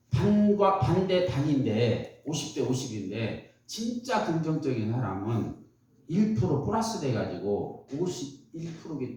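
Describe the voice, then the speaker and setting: A man's voice: medium pitch, darkish tone, slight background noise. A man giving a motivational talk to an audience, telling stories and asking the crowd questions. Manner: storytelling, asks the audience questions. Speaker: motivational speaker. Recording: very echoey room, heard from a distance.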